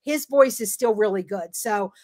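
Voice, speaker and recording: A woman in her seventies, a podcast guest, telling lively stories in casual chat. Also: medium pitch, normal speed. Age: 70s. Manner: lively storyteller.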